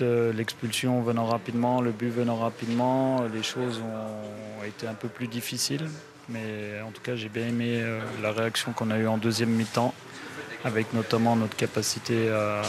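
Flat-voiced coach in a post-match interview. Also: male voice, mid-range voice. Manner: measured, hesitant with fillers. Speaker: football coach. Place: pitchside interview backdrop, indoors. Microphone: handheld broadcast mic. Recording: crowd noise behind.

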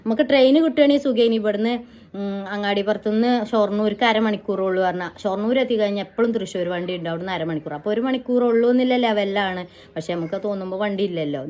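A middle-aged woman talks quickly and casually straight to her viewers. Her storytelling rambles from one detail to the next, and she keeps checking in with her audience as she goes. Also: mid-range voice, darkish tone. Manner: chatty, rambling, often ends with "kettō". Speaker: family vlogger.

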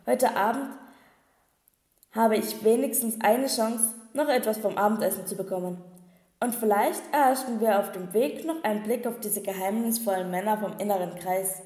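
A woman's voice: mid-range voice, moderate pace, warm tone, close to an everyday voice. Woman reading as a plucky, wry teenage girl. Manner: wry, blunt. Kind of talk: audiobook reading. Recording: echoey room with long reverb.

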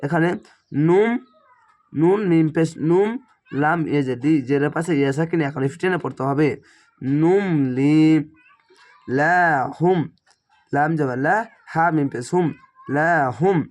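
A man's voice: fairly high pitch, moderate pace, long pauses, a little mellow. A man with a slightly strained throat teaching Quran reading, spelling out Arabic syllables one by one and drawing out the recited words.

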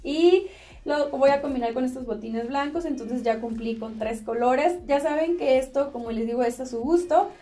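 Cheerful high-voiced woman vlogger, chatty. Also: moderate pace, mellow, far from the mic. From Mexico. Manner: cheerful, chatty, laughs often. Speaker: fashion vlogger. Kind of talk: casual chat to camera. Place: small indoor room with clothes rack.

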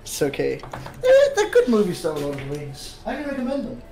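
High guy w/ a really bouncy voice, joking around over a co-op game. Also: very animated, quick pace, rough recording. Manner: jokey, shouts bursts during play. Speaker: co-host gamer. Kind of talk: casual gaming chat.

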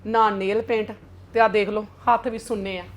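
A woman's voice: mid-range voice, level tone, a little hiss or hum, lightly acted. A young woman acting as a kind elder daughter-in-law who coaxes and soothes in a family drama. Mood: coaxing. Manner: fast, soothing, coaxing.

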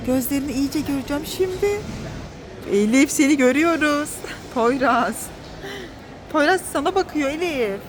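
A high-pitched woman narrates a family vlog around a car outdoors. She is animated and excitable, calling out urgently as she plays pretend chase games with her kids. The phone recording carries clear background noise. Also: moderate pace. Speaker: mother filming her children.

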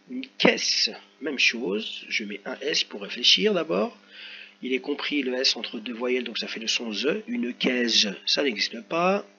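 A man teaching young children, walking them patiently through a worksheet one step at a time and addressing them directly. His voice is bright and clear-edged. It comes through a slightly dull home recording with a faint ambient hum behind it. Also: medium pitch.

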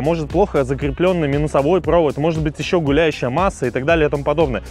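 A man's voice: on the high side, darkish tone. A man in his thirties with a burry, non-standard r, explaining step by step in a how-to car vlog and addressing viewers as friends. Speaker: car repair vlogger. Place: outdoors in a residential yard beside a car.

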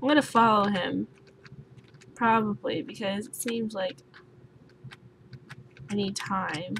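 A young woman playing a puzzle game and thinking out loud, swearing often and sounding sleepy. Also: mid-range voice, steady tone, takes it slowly, creaky. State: sleepy, just woke up. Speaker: gaming YouTuber. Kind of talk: let's play commentary. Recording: noisy home recording with keyboard sounds.

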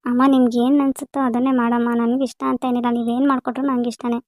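A married daughter home on a visit , played by a woman, talks politely at a very fast clip. Her voice sits fairly high and stays even, recorded dry and close. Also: no echo, lightly acted. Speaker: daughter in a family skit. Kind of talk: amateur village family skit.

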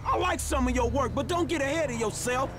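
A man's voice: very high-pitched, a little fast, background noise. An actor playing a brash, streetwise young man with an American accent and slangy, dismissive delivery in a video game. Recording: game audio with loud music.

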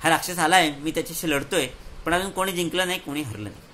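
A man's voice: a little high, fast talker, pushed and bright, a little hiss or hum. A man voicing a mighty elder brother warrior who talks in a firm, commanding way. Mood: strained.

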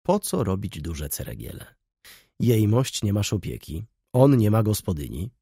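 A man's voice: lowish voice, huge pitch swings, a little slow, vocal fry, dark tone, husky, no echo, studio quality, full character voice. A man reading a gloomy old clerk in an audiobook, grumbling and complaining. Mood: matter-of-fact.

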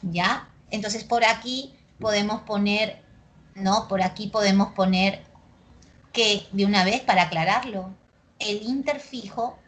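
A young woman with a Peruvian accent lectures a class at an ordinary pitch for a woman. She sounds lively and keeps tossing quick tag questions at her students to check that they are following. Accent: Peruvian Spanish. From Peru. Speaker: pre-university language teacher.

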